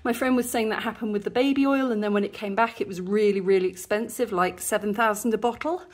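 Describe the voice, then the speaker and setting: A woman's voice: medium pitch, steady tone, fast talker. A woman from the UK chatting casually through a shopping haul at home, chuckling now and then. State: slightly out of breath. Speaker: vlogger. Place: home in Rwanda.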